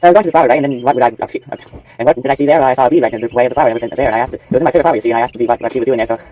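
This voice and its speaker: Man doing a rambling, rushed little bird. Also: mid-range voice, a little mellow, natural voice.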